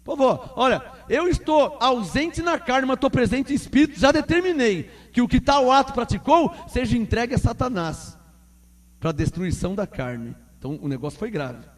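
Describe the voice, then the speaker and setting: A man's voice: very high-pitched, lively intonation, moderate pace. A man with a Brazilian Portuguese accent preaching a sermon as pastor, emphatic and repetitive, calling the congregation for amens.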